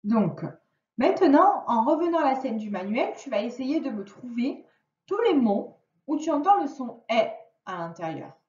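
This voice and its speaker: A woman teacher giving a recorded phonics lesson to young children, sounding out each word slowly and clearly. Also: high voice, sing-song, a little mellow, recorded from a distance. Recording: dull, roomy audio with the speaker off-mic.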